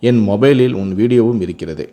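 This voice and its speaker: A man voicing a predatory brother-in-law in a Tamil family story, speaking quietly and low. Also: brisk, natural voice. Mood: menacing.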